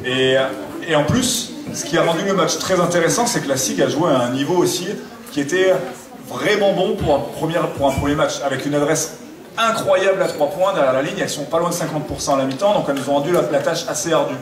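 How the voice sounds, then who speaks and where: A man's voice: fairly high pitch, brisk. A man speaking as a coach, giving a post-match analysis to listeners. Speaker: basketball coach. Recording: echoey hall, distant mic, crowd noise.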